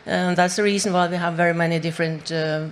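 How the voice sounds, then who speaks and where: A woman's voice: fairly low pitch, fairly even intonation, fast, a little hiss or hum. A woman from Norway, a native Norwegian speaker, talking on a panel with many fillers and restarts. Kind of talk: panel discussion.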